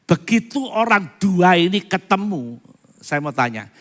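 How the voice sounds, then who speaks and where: Preacher, male, high voice, fervent sermon in a reverberant church hall. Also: sing-song, unhurried. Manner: swings from soft asides to loud, fervent preaching; asks the congregation questions. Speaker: pastor.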